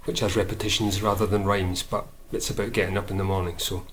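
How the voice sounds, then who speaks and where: A man, a poet, reading his own poems aloud in a measured way, lifting his voice for emphasis. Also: sits low, flat delivery, fairly bright tone, a little hiss or hum. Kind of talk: poetry reading.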